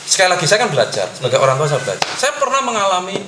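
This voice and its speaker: A middle-aged man, a parent, explaining advice in a conversational way with frequent pauses and fillers. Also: high voice, wildly swooping pitch, noisy background. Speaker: parent guest sharing advice. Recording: echoey room.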